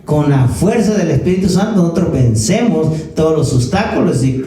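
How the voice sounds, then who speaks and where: A male pastor delivers a sermon in a church sanctuary, his fairly high voice soft and mellow in tone. He leans on words slowly and poses questions to his listeners. The sound bounces around a reverberant room, picked up from some distance with faint ambience underneath. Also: animated. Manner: preaching with slow emphatic stresses and rhetorical questions.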